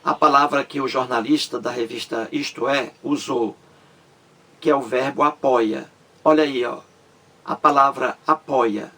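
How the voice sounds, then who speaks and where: Slow, husky-voiced male teacher. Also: medium pitch, sharp tone. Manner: slow and repetitive, stresses syllables, asks "entendeu?". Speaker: Portuguese grammar teacher. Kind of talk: explanatory lesson.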